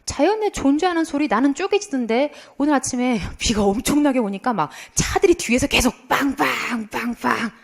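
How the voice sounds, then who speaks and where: A middle-aged Korean language lecturer teaches an exam prep course in a high voice, speaking a little fast with few pauses. Lively and playful, she quizzes students and then answers herself, imitating sounds and telling funny anecdotes.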